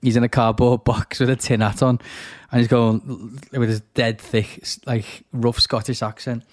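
A man's voice: medium pitch, little pitch movement, normal speed, no room sound, studio quality. A man co-hosting a casual podcast, reacting bluntly and swearing as he tells stories. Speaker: podcast co-host. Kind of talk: casual chat.

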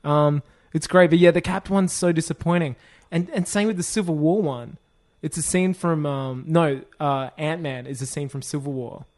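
Guy cohosting a podcast, kinda high voice, rambly and jokey, his mic keeps dropping out so volume's all over the place. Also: moderate pace, a little mellow. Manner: chatty, rambling, joking. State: mic cutting in and out, volume uneven. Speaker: podcast co-host. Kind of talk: casual chat.

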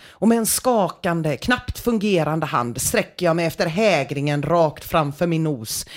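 A podcast host reading listeners' embarrassing stories aloud in a dramatic way, dropping to a hush and then rising again. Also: mid-range voice. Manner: dramatic reading, swinging between loud and hushed.

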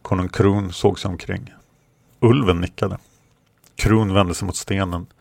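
A man reading a fantasy story aloud in a steady, measured way. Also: low voice, creaky, no echo. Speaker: narrator.

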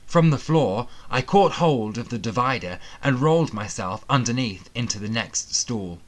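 A man narrating a fantasy thriller audiobook in the first person, with steady, dramatic storytelling. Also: mid-range voice, moderate pace.

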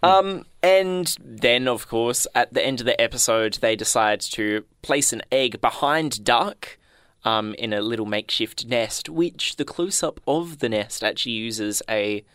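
A man's voice: medium pitch, expressive, a little slow, fairly bright tone, clear, resonant tone, no room sound, clean studio sound. A young man co-hosting a podcast, chatting casually and correcting small details. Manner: corrects details, talks in bursts. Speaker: podcast co-host. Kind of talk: casual chat.

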